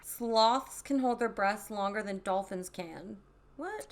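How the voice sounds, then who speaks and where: A woman's voice: medium pitch, takes it slowly. A woman co-hosting a casual podcast chat, giggling often as she reads out trivia. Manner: giggly, animated, reading out trivia. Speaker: podcast co-host.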